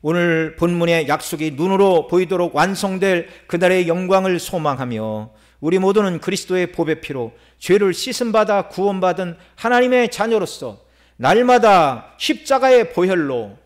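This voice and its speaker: A middle-aged male pastor delivering a sermon, with rising emphasis and dramatic pauses. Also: high-pitched, animated.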